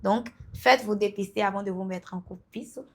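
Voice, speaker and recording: A woman, an entrepreneur being interviewed, talking emphatically and now and then calling out loudly to her listeners. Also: mid-range voice, brisk. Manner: emphatic, breaks into loud calls to listeners; laughs between remarks. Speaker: entrepreneur guest. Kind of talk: casual interview chat.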